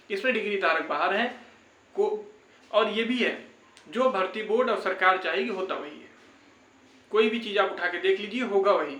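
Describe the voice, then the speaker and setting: A fairly bright, high voice belongs to a young man giving YouTube viewers a casual exam update that aims to reassure. He often repeats what he says, and the room sound is echoey.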